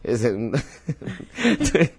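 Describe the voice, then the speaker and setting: A man's voice: fairly high pitch, wildly swooping pitch, extremely slow, vocal fry, a little mellow, husky. A man with an Argentine accent, a comedian guest chatting in a radio interview, rambling and self-deprecating as he laughs at his own jokes. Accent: Argentine Spanish. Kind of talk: casual interview banter with comic bits. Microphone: radio studio microphone.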